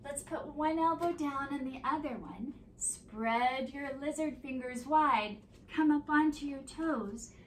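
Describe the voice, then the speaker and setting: Slow, high-voiced woman teaching kids' yoga. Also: slight background noise. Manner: gentle, slow, sing-song prompts to children. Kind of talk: guided kids' yoga instruction. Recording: echoey room, mic at a distance.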